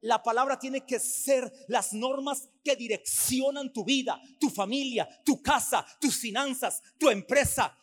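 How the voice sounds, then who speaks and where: A man, a pastor preaching a sermon at a church service, emphatic and repeating his points in lists, swinging from loud to hushed. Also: very high-pitched, unhurried, few pauses. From Costa Rica.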